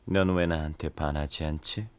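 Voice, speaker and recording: A man playing a gloomy, aloof demon lord in an audio drama, with a languid, brooding dark-lord delivery. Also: rumbling low, fairly even intonation, moderate pace.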